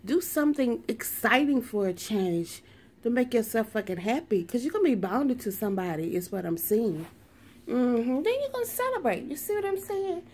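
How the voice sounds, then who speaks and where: A woman's voice: on the high side, a little mellow. A woman doing a sassy, profane tarot reading in a brash, sarcastic way, swearing constantly. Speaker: tarot reader.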